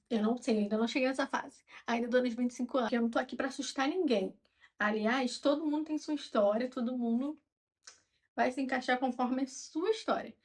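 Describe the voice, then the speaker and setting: A woman in her twenties with a Brazilian Portuguese accent, chatting calmly and openly to her viewers like a friend. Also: on the high side. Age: 20s. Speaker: vlogger. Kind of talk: casual chat to camera.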